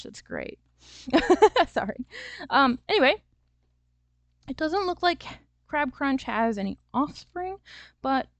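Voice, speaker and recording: A woman's voice: sits high, gravelly, no echo. A woman author talking casually in a vlog, chatty and loose, with many fillers and small laughs. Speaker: self-published author.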